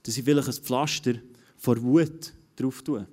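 A man's voice: mid-range voice, steady tone, measured pace, a little mellow, husky. A man preaching a sermon, earnest and given to repeating his phrases. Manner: earnest, repeats phrases and restarts, acts out quoted inner voices.

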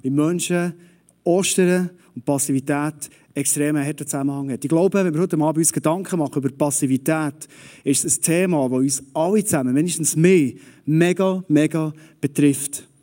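A man preaching a lively, conversational sermon straight to the audience. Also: fairly high pitch, a little fast.

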